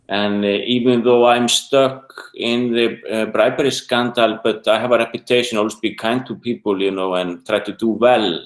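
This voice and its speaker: Icelandic man, halting, in an echoey room. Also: medium pitch. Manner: halting, searching for words, many restarts. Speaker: interview guest, whistleblower. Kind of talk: casual interview talk. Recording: roomy echo.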